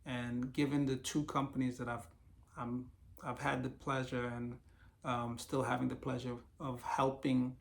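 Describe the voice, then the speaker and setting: A man in a casual solo vlog, slightly hoarse from losing his voice, reflectively walking through a list of business ideas. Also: mid-range voice, little pitch movement, measured pace. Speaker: YouTube creator sharing business ideas.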